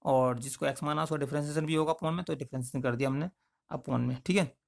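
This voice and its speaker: A man's voice: a little high, fairly even intonation, fast talker, creaky, darkish tone. A man teaching maths, explaining each step aloud and often checking in with "okay" as he works through the problems. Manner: explains in plain spoken steps, with frequent checks like "okay".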